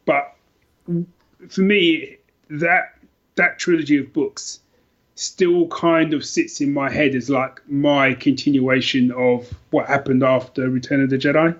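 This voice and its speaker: A middle-aged British man, a podcast guest, chats casually and reflectively about his favourite books in a mid-range, steady voice at a slightly slow pace. He often repeats and rephrases himself while thinking aloud, and the lo-fi podcast audio sounds dull.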